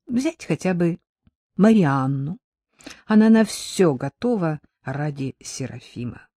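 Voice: mid-range voice, mellow. An audiobook narrator with a mid-range voice reading in a wry, conversational way. Recorded close and dry, with no room echo. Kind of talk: scripted narration.

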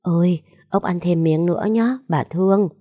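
A woman voicing a kind, doting grandmother who coaxes her sick grandchild softly. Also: fairly low pitch, moderate pace, lightly acted. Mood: coaxing. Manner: soft coaxing.

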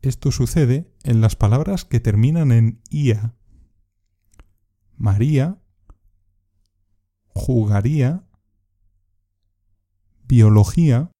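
A man giving a scripted pronunciation lesson, speaking in measured phrases and pausing so learners can repeat. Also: medium pitch, mellow. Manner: measured, pauses for repetition. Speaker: Spanish teacher.

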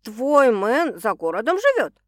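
A woman's voice: on the high side, wildly swooping pitch, a little slow, no echo, pitched above the performer's own voice. A woman voicing a tired, suspicious young woman who demands details, in a dry recording.

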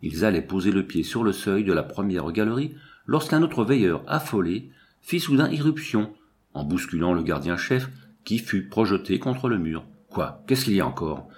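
A man narrating an audiobook with expressive storytelling. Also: lowish voice, moderate pace. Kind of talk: scripted narration.

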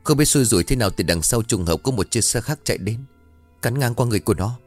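A man's voice: medium pitch, lively intonation, fast, faint music behind, close to an everyday voice. A man voicing a middle-aged bus company owner who brings bad news urgently and earnestly.

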